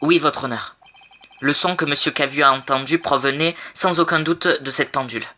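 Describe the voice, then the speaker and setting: A man reading as an earnest young defense lawyer in a game, stumbling over his words. The tone is bright. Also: a little high, steady tone, normal speed. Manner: stammering, hesitant.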